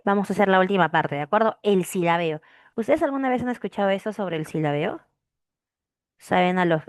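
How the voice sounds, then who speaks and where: On the low side vocally, a woman runs a classroom grammar lesson, echoing key phrases back and often pausing to ask "¿de acuerdo?" to confirm understanding. The sound is clean studio audio without echo.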